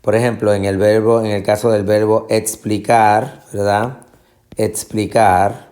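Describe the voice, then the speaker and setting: A man with a fairly low voice gives a Spanish lesson at an unhurried teacher's pace. He explains patiently and says words over and over, slowly, so the stressed syllable stands out. English fillers slip in between his sentences. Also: level tone, darkish tone. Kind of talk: classroom lesson.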